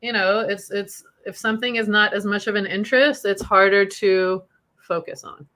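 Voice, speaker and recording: Bright-voiced woman from Iran, chatty. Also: medium pitch, steady tone, moderate pace. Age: 40s. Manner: chatty, swears freely, laughs through dark memories. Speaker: podcast host sharing her story. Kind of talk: candid casual conversation.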